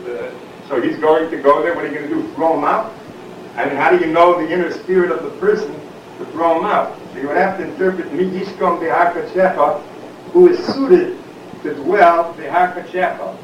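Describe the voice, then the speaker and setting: A man giving a Torah lecture, explaining verses and asking rhetorical questions, often saying "we'll say" and "I mean". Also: a little high. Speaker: Torah teacher. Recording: echoey, distant, dull and noisy.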